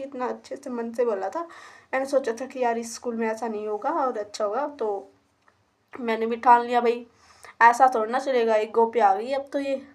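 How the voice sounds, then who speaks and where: A young woman, hosting a solo podcast and casually telling a personal story, quoting herself and her teachers. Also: fairly high pitch. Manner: chatty, animated, quotes herself and teachers.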